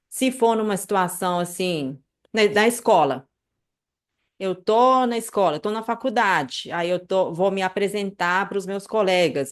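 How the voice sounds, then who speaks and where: A chatty woman, teaching a relaxed live class over a computer mic. Her voice sits in a middle pitch and she keeps checking in with her students as she explains. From Brazil. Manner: chatty, many fillers like "né" and "tá", animated asides. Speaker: Japanese language teacher.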